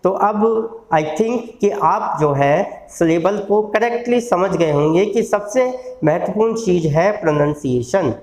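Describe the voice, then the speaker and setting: A man giving a recorded lecture, slowly stretching out word sounds and encouraging his students. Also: sits high, animated, darkish tone. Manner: slow, drawn-out sounding of syllables, encouraging. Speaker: law college lecturer. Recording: echoey room.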